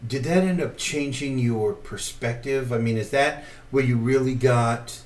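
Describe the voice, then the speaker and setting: A man's voice: medium pitch, unhurried. A man hosting a casual interview, chatty and friendly, often restarting his questions mid-sentence. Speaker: talk show host.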